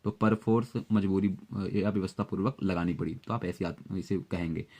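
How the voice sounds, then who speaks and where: A man teaching exam vocabulary, explaining words and memory tricks at a steady pace with frequent fillers. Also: sits low, moderate pace. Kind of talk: Hindi-English vocabulary lesson with memory tricks.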